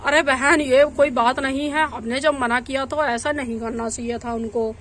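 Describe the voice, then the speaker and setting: A woman's voice: sits high, steady tone, normal speed, fairly bright tone, a little hiss or hum. A woman voicing an earnest middle-aged village father explaining family matters in a doll storybook.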